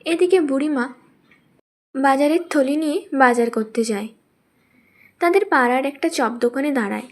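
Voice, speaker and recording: A woman narrating a children's cartoon story in a plain, even storytelling manner. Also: sits high, normal speed, pauses often.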